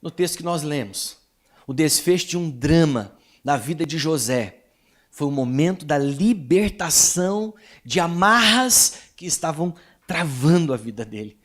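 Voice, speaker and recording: Brazilian pastor preaching, high-ish voice, punchy and animated. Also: male voice, unhurried. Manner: emphatic, animated storytelling. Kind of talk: sermon.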